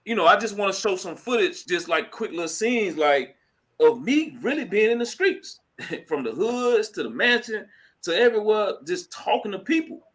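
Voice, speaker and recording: A man hosting a casual live stream, talking in a slangy, chatty way and giving shout-outs. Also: high-pitched, lively intonation, normal speed. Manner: slangy and chatty, full of "you know what I'm saying" and shout-outs. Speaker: host of a crypto live stream. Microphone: computer mic at a laptop.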